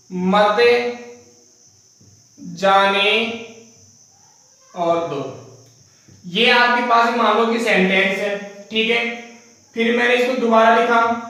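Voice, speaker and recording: A man teaches grammar, speaking in a very high voice that stays level with little rise and fall. He works through each point slowly and keeps putting questions to the class and answering them himself. The voice comes from some way off the mic in a strongly echoing room. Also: a bit bright. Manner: explains step by step, often asks and answers his own questions. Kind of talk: classroom lecture. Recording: echoey room, voice from far off.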